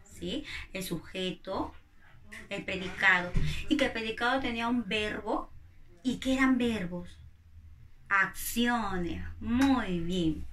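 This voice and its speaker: A woman's voice: medium pitch, sharp tone, reverberant. A woman primary school teacher, giving a recorded grammar lesson to young children and patiently asking questions that she answers herself.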